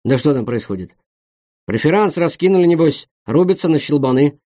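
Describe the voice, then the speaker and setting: A man voicing Igor, a calm, unbothered young man with a deadpan delivery. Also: a little high, fairly quick, dry recording, clean studio sound, lightly acted.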